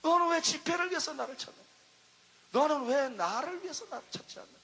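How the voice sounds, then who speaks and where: A man's voice: extremely high pitch, expressive, brisk, sharp tone, heavily acted. A male pastor voicing the Lord in a sermon, speaking in a solemn, admonishing tone. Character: the Lord, a calm, grave divine voice. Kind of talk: sermon retelling.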